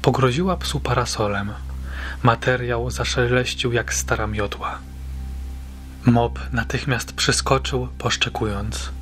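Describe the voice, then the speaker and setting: A man narrating a short horror story as an audiobook reader, in a measured, suspenseful storytelling manner. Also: mid-range voice, fairly bright tone. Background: faint background music.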